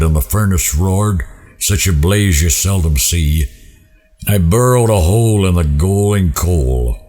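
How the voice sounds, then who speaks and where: A man recites narrative verse in a folksy cowboy drawl. His voice is very deep and rough with huskiness. The delivery is theatrical and highly varied, rising and dropping through each rhymed line like a seasoned storyteller. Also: darkish tone. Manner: dramatic storytelling with swelling and falling lines. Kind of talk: dramatic rhymed poetry recitation.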